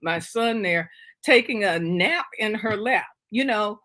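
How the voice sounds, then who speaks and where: Bright-voiced woman in her fifties, presenting. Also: medium pitch, measured pace. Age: 50s. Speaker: workshop presenter, family caregiver. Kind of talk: presentation talk.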